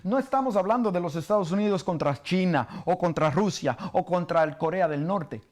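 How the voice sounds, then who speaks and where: A Cuban man with a Cuban Spanish accent teaches a bible study sermon as a pastor, halting often, using many fillers and questioning his listeners. His voice sits high with a darkish tone.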